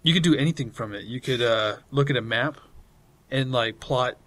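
A man from Britain co-hosts a casual gaming podcast, rambling enthusiastically through his explanations with plenty of fillers. His voice sits at an ordinary middle pitch. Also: normal speed, fairly bright tone. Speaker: podcast co-host.

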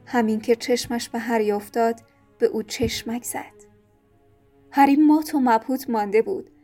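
Calm woman storyteller, mellow higher voice. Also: faint music behind. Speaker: audiobook narrator. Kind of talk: scripted audiobook narration.

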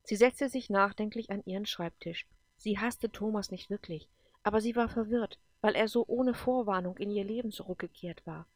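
A woman calmly narrating a science fiction audiobook episode. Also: medium pitch, no echo. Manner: calm, even storytelling. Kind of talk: scripted narration.

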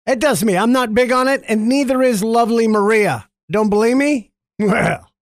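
A man's voice: very high voice, moderate pace, no room sound. A man hosting a radio show, chatting casually and teasing his wife on the phone. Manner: joking, teasing, playful. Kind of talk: casual morning radio banter.

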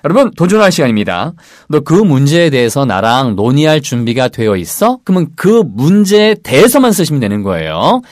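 A male English teacher with a Korean accent, his voice swinging up and down as he coaches listeners. He repeats short English phrases slowly, with a sing-song rhythm. The close recording is dry, with no room sound. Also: mid-range voice, very animated, darkish tone, dry recording. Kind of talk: casual English lesson.

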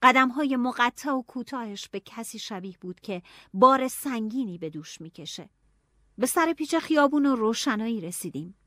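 A woman narrating a novel in an expressive audiobook style, dropping to hushed tones and rising to anxious cries. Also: a little high, dry recording, clean studio sound.

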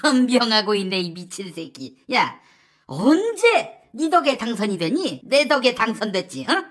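A woman playing a sharp-tongued character who mocks and swears at an old political fixer in a satirical comedy sketch. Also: fairly high pitch, huge pitch swings, heavily acted. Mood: scornful. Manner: scornful, swearing, rapid-fire nagging.

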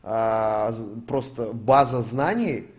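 A man's voice: medium pitch, slow. A young man streaming, reading out donations and ranting in a casual, profane, rambling way. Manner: swears a lot, rambling with fillers.

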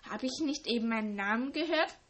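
A woman's voice: on the high side, expressive, brisk, a bit bright. A woman reading the part of a sweet, eager schoolgirl who gushes over people. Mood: gushing. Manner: gushing, eager. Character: sweet gushing schoolgirl, easily smitten.

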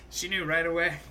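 Laughing often and swearing now and then, a young man co-hosting a podcast gushes about a movie he loved, retelling scenes with loose animation in a casual review chat. He has a very bright, forward, slightly high voice, and faint noise hisses under the audio.

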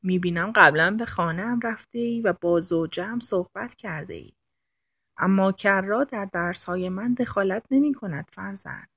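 A revered older scholar speaks with calm warmth, read by a woman narrating an audiobook. The voice is slightly husky and measured. The sound is close and dry. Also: medium pitch, dry recording. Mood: gentle. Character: revered older male scholar and teacher, gentle.

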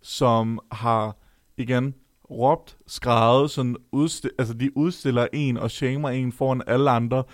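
A man's voice: medium pitch, steady tone, no echo. Hesitant young man, dry sound. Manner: hesitant, many filler sounds. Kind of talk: casual podcast chat.

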